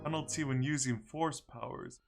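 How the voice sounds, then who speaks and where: A man's voice: medium pitch, moderate pace, creaky, music in the background. A man casually commentating on a game livestream, thinking aloud and muttering to himself in short phrases. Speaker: game streamer.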